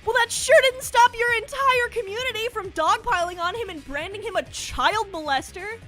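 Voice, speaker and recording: Over background music, a young woman video commentator delivers a scripted, emphatic and accusatory rebuke peppered with swearing. Her voice is very high-pitched and sharp, at a moderate pace.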